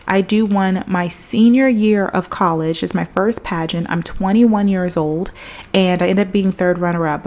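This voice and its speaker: A woman's voice: mid-range voice, a little mellow. A young woman hosting her own podcast, telling a personal story in a chatty, reflective way, with lots of "like". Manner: chatty, reflective, heavy use of "like". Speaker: podcast host. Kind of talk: casual solo podcast storytelling.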